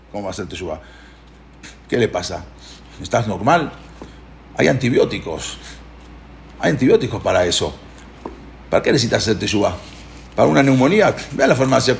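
A man teaching a religious lesson through animated storytelling and questions. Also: medium pitch, vocal fry.

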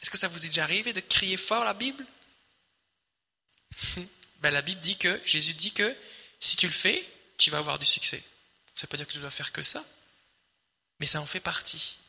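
A man preaching, his voice high and piercingly bright. He drives his points home by repeating phrases, rising loud and then sinking almost to a murmur. The sound rings in a long reverb, as from a large hall. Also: lively intonation, moderate pace, creaky, pauses often, slightly rough. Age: adult, married. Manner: emphatic, repetitive preaching with swells and quiet drops. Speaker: pastor. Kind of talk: sermon.

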